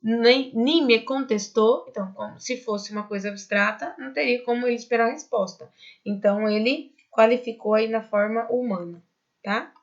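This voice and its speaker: A Brazilian woman, native in Portuguese, gives a recorded Spanish lesson. Her voice sits fairly high, and she explains step by step, checking with her students as she goes. The sound is dull and lo-fi, like a home recording. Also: moderate pace. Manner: explains patiently, often checks with "né?" and "tá?". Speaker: Spanish teacher. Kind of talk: recorded online class.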